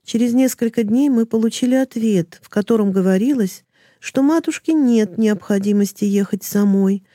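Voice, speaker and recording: A woman narrating a classic story in the first person in an even, measured reading voice. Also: fairly high pitch, dry recording, studio quality.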